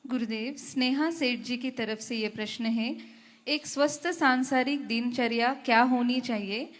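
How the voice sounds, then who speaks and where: High-voiced woman reading questions aloud. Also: a little slow. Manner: formal and respectful. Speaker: question reader.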